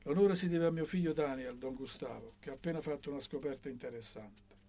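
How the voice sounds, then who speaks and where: A man reading an audiobook and voicing a kindly, soft-spoken father with a polite, gentle manner and a husky voice. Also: mid-range voice, a little fast, lightly acted.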